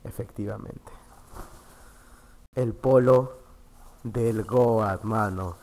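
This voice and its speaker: A man with a Peruvian Spanish accent livestreams from an internet café booth, chatting casually with his viewers. Excitable and quick to swear, he lurches between loud outbursts and quiet muttering, though he talks extremely slowly.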